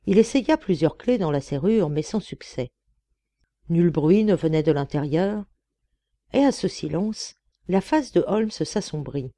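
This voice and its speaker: Lady reading an audiobook, calm steady pace, dry close sound. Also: fairly low pitch, measured pace, no echo. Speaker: audiobook reader. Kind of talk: scripted narration.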